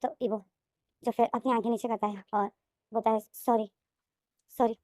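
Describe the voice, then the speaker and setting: A woman narrating a fan fiction story recap in a brisk, repetitive storytelling manner. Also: on the high side, fairly even intonation, a little mellow, dry recording, clean studio sound.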